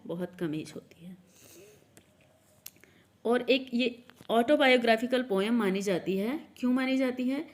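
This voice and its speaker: Slow, patient Hindi-speaking woman teacher. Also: on the high side. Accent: Indian English. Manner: slow, explains step by step with repeated questions. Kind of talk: exam-prep literature lesson.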